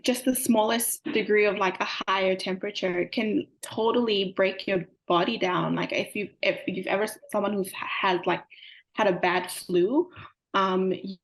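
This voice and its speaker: A young woman, answering interview questions earnestly with frequent fillers. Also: mid-range voice. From Samoa. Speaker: climate advocate guest.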